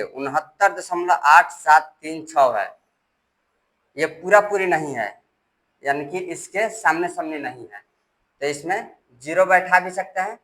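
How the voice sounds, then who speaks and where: Male math tutor, bright slightly high voice, patient and repetitive, spells out numbers digit by digit. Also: poor audio. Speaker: math teacher. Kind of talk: step-by-step classroom explanation.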